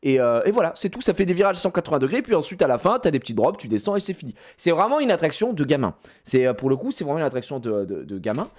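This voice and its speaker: A man's voice: on the high side, very animated, fast, few pauses, a little mellow. Rambling French man telling a story. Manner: rambling, many fillers and restarts, slangy. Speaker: streamer recounting a theme park outing. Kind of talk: casual live-stream storytelling.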